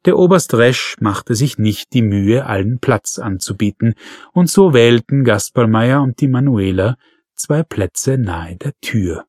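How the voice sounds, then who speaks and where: Male audiobook narrator, calm and wry, mid voice, dry close sound. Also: mid-range voice, measured pace, husky, no room sound. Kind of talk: scripted narration.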